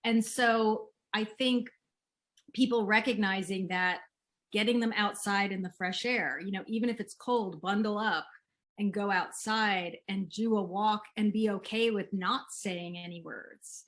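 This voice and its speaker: Middle-aged woman, parenting expert guest, gentle soothing voice, unhurried interview talk, mid pitch. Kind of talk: interview conversation.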